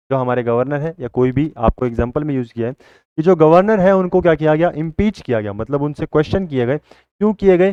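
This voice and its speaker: A male teacher runs a vocabulary lesson in a fairly high, smooth, crisp voice. He keeps putting questions to his class and answering them at once. The recording is dry, with a slightly dull sound. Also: darkish tone, no echo. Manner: asks the class a question, then answers it himself.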